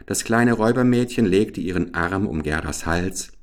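Deep male narrator, calm measured storybook reading.

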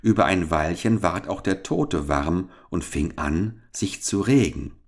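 Deep-voiced, slow male storyteller. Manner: calm, measured storytelling. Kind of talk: fairy-tale reading for children.

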